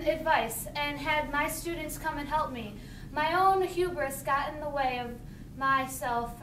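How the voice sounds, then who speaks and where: A woman's voice: sits high, a bit bright. A young woman playing a stern, defiant teacher turned hero, declaiming grandly in an amateur play. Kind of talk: amateur school play acting. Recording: echoey, noisy room, distant mic.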